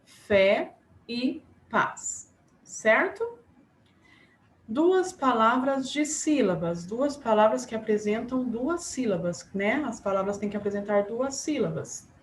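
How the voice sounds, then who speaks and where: Slow, patient woman teacher. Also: a little high, expressive. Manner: slow, patient, spells out syllables. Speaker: primary school teacher. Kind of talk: remote class lesson. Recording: echoey room, faint background noise.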